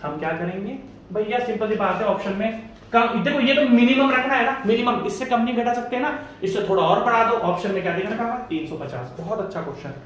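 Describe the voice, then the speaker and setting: A man teaching an exam-prep class in a chatty, easygoing way. He keeps posing questions and answering them himself. His high voice comes from some way off the mic in a very echoey room, with faint background hiss. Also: a little fast, recorded from a distance. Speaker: engineering exam tutor. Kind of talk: casual Hindi lecture.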